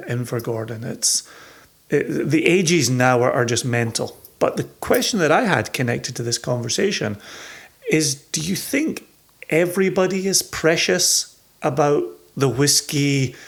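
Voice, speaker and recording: A man's voice: medium pitch, vocal fry. A man hosting a casual interview podcast. He chats freely, laughs easily, and restarts his sentences often. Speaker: podcast host.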